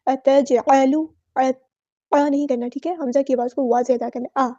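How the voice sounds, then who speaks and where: High, flat-voiced woman tajweed teacher. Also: no room sound, muffled recording. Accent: Pakistani Urdu. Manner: slow drawn-out recitation alternating with brisk explanation. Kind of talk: word-by-word recitation lesson.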